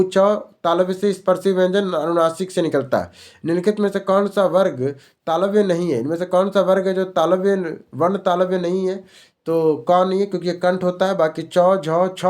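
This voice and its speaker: High-voiced man drilling exam questions. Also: moderate pace, a little mellow. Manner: repeats each question and answer, drilling. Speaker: teacher. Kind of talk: exam-prep grammar lesson.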